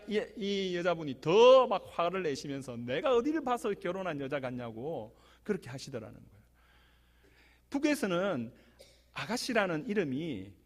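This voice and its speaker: Animated male pastor in a reverberant church. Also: sits high. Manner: animated storytelling, addresses congregation directly. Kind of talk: sermon. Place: church sanctuary. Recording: long hall reverb.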